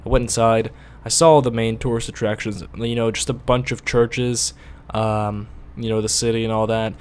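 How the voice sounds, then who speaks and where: A man's voice: fairly low pitch, level tone, normal speed, darkish tone, clean tone. Rambling, cursing gamer man, Latvian native. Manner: rambling, swears, bursts out at driving mishaps. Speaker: gaming video host. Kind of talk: casual gameplay commentary.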